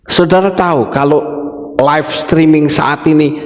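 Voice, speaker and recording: A man's voice: a little high, fairly even intonation, a little slow. A man preaching a sermon as pastor, addressing the congregation directly. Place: church hall. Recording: echoey church hall with long reverb.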